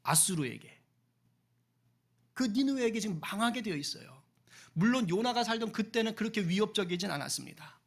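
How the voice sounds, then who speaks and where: High-voiced male pastor preaching conversationally. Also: expressive, brisk, pauses often. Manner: conversational, asks the congregation questions, acts out quotes. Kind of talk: sermon.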